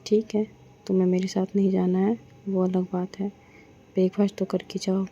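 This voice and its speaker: A woman's voice: medium pitch, level tone, normal speed, mellow, husky, close to an everyday voice. A woman voicing a teasing, stubborn young woman who insists on getting her way, in a story. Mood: insistent. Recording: dull lo-fi with faint noise.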